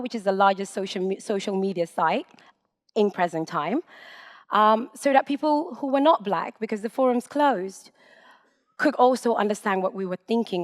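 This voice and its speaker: A woman in her thirties from Sweden giving a prepared public talk from a stage, measured and emphatic with deliberate pauses. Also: mid-range voice. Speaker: public speaker. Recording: long reverb in a lecture hall.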